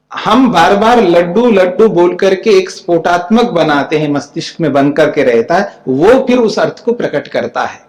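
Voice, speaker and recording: A male spiritual teacher with a fairly high voice gives a scripture commentary lecture. He reads out a line of verse, then explains it in plain words, often checking that his listeners follow. The sound is roomy and echoey, with a long reverb that hangs in the hall. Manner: reads Sanskrit lines, then explains each in plain speech.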